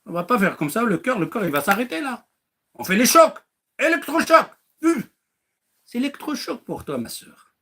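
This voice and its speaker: A man's voice: very high voice, big pitch swings, normal speed, long pauses, sharp tone. A man preaching to listeners in French, acting out little dialogues, firing rhetorical questions and mocking now and then. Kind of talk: animated religious talk.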